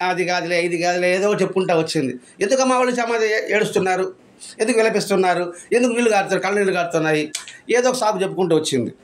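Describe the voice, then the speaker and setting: A man giving a devotional discourse, full of rhetorical questions and repeated phrases. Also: high voice. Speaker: spiritual speaker.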